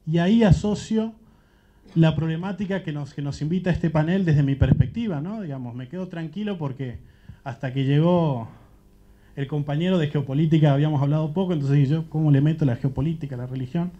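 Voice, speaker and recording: A man's voice: fairly high pitch, brisk, warm tone. A man from Central America speaking as a panelist, thinking aloud in an earnest, searching way. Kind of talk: reflective panel talk. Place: panel event. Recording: dull muffled event recording.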